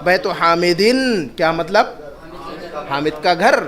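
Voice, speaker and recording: A man teaching an Arabic grammar lesson, patiently repeating each phrase slowly and asking his students questions. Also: sits high, animated, a bit bright.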